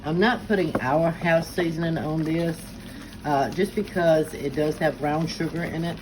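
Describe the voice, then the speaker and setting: This middle-aged woman talks through her cooking in a chatty, homey way, with plenty of "uh" fillers along the way. She is recorded in a home kitchen, with clear background noise underneath her voice. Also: low voice, fairly even intonation, normal speed. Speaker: home cook. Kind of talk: casual cooking demonstration. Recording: noisy home kitchen ambience.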